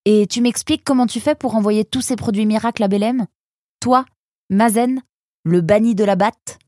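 A woman's voice: mid-range voice, moderate pace, darkish tone, no echo, clean studio sound, pitched above the performer's own voice, natural voice. A woman voicing a male creature who scolds his friend in an exasperated, reproachful way, in a storybook reading.

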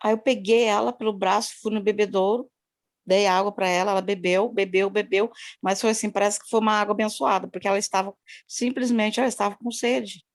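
A woman's voice: mid-range voice, fairly even intonation, fairly quick. A woman who works at a daycare tells a personal story on a video call from her phone, rambling and repeating herself with many tag questions. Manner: rambling and repetitive, many "né?" tags. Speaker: daycare worker sharing an experience.

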